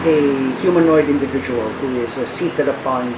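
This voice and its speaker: A man improvising narration as game master of a tabletop game, halting often as he searches for words. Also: mid-range voice. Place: echoey room. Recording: roomy, distant mic, loud background hum.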